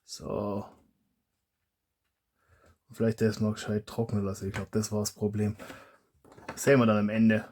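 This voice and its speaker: A man's voice: on the low side, monotone, normal speed, pauses often, darkish tone. A man, a hobby YouTuber chatting casually as he reviews toy blasters, rambling and correcting himself aloud.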